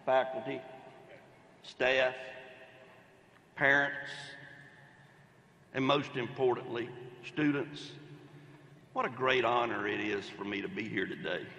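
A man's voice: mid-range voice, bright, forceful tone, slight background noise. Older man with folksy storytelling. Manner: folksy, storytelling, Southern phrasing. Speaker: baseball coach giving commencement speech. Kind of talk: ceremonial speech with anecdotes. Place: large outdoor commencement ceremony. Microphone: podium microphone. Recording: echoey reverberant venue sound.

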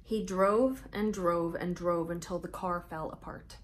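A woman in her thirties with a lowish voice hosts a picture-book reading for young children, stretching out words with expressive emphasis. She was recorded indoors on a camera mic.

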